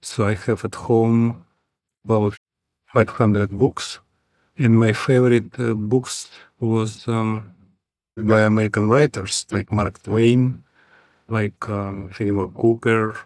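Ukrainian-accented male interviewee, low and deliberate, dry sound. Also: little pitch movement, a little mellow, no echo. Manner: deliberate, plain, occasional fillers. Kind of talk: interview storytelling.

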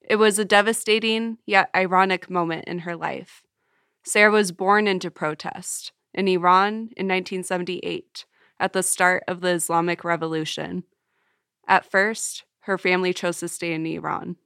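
Bright, crisp-voiced woman reporter narrating. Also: lowish voice, fairly even intonation, normal speed, dry recording, studio quality. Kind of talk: scripted narration.

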